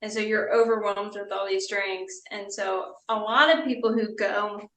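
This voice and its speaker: A woman's voice: medium pitch, steady tone, normal speed, fairly bright tone. A woman in a casual, conversational chat. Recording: roomy echo, distant from mic.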